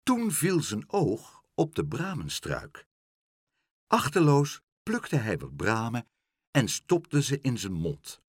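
Husky man reading a storybook slowly. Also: mid-range voice, no echo, clean studio sound. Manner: lively character voices, playful. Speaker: narrator.

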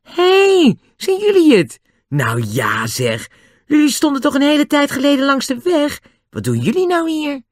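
A friendly young circus boy from a children's storybook, as a reader puts him on. His voice is pitched well up and calls out freely. The recording is close and dry. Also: very animated, normal speed, no room sound. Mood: surprised.

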